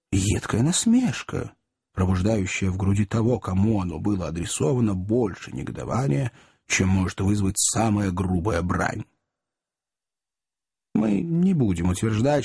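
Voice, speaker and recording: A man reading a classic novel aloud as an audiobook narrator, measured and ironic. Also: lowish voice, creaky, dark tone, slightly rough, no echo, clean studio sound.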